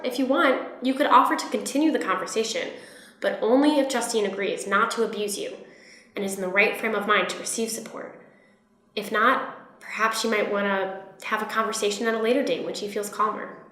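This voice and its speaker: A woman giving peer support training in a gentle, encouraging instructional tone. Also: medium pitch. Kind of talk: instructional narration. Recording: roomy echo.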